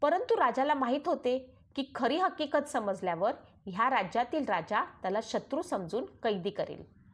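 A woman narrating a traditional moral tale in a calm, even storytelling manner. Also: on the high side.

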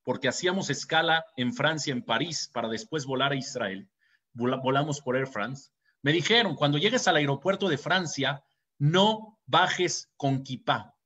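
A man's voice: medium pitch, expressive, normal speed, pushed and bright. A young adult man with a Mexican Spanish accent, a rabbi giving an earnest sermon and telling stories. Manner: earnest and storytelling, with dramatic raised quotes. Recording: dull lo-fi recording.

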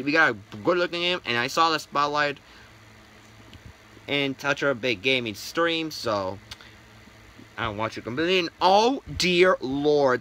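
A man hosting a casual gaming news vlog, excitable and rambling, with many restarts and false starts. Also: fairly high pitch. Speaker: gaming YouTuber.

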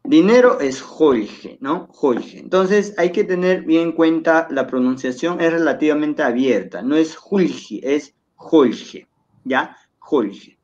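A man's voice: fairly high pitch, expressive, a little slow, few pauses, darkish tone, muffled recording. A man teaching a televised language lesson, patiently explaining and repeating words for pronunciation.

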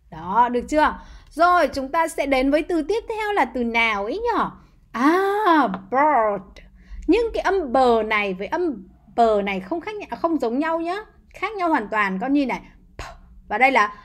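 A woman teaching English words to young children, spelling each one letter by letter and coaxing them to repeat after her. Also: high-pitched. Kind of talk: slow, patient spelling lesson.

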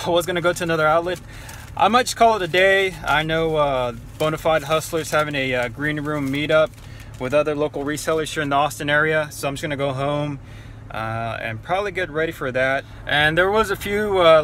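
A man in a relaxed, chatty recap to camera, joking at his own slips, sitting in a vehicle. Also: on the high side, a little hiss or hum. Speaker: sneaker reseller vlogger.

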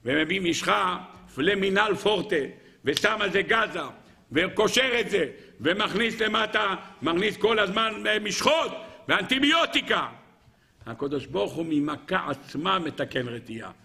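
A man giving a Torah sermon as a rabbi, emphatic, asking the audience rhetorical questions and swinging between a raised voice and a low one. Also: expressive, creaky, bright, forceful tone.

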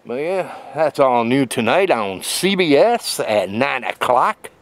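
A man's voice: mid-range voice, sing-song, slow. A middle-aged man vlogging in a casual ramble with many fillers, walking a wooded trail and filming himself on a handheld camera. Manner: rambling, lots of fillers and restarts; walking while talking. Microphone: phone camera held at arm's length.

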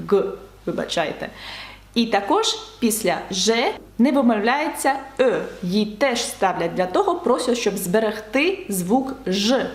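A woman teaching a beginner language lesson, patiently spelling out letters and repeating example words slowly. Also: medium pitch, echoey room.

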